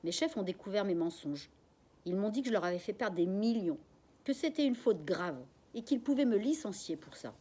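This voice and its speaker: A woman reading a children's novel aloud, voicing the characters' lines with shouts and whispers. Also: medium pitch, expressive, moderate pace, slightly rough. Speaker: reader.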